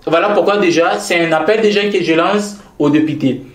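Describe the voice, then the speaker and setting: In an echoey room, an interviewee from Kasaï-Central, DR Congo, comments on provincial politics in a fairly high, slightly quick voice. His Congolese French accent carries a formal, earnest tone, and he hesitates and repeats key phrases as he goes.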